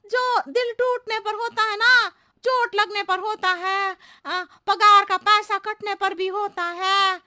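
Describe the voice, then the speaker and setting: A cartoon housemaid with an extremely high, sharp voice. She talks slowly and in circles, cheeky and muddled, wheedling stubbornly as she goes. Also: fairly even intonation, no echo, studio quality, exaggerated voice. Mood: riddling, earnest. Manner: circuitous, riddling, wheedling. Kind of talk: exaggerated Hindi cartoon comedy acting.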